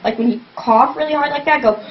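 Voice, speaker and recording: A woman's voice: sits high, fast talker. A young woman in a casual home tutorial, rambling and saying "like" constantly as she explains vocal technique. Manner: rambling, fills every phrase with "like". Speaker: vlogger teaching scream technique. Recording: dull lo-fi webcam audio, faint hum.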